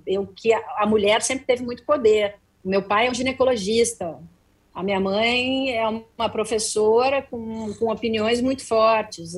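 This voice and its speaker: A middle-aged woman, a guest journalist telling stories in an interview, acting out the dialogue. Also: fairly high pitch. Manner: animated, acts out quoted dialogue. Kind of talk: interview storytelling. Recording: slightly distant from the mic.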